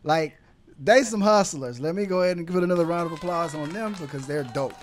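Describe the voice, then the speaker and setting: A podcast host who lived in the Houston area and now lives in Miami speaks quickly in a voice on the high side. He chats casually and animatedly, using slang and laughing often.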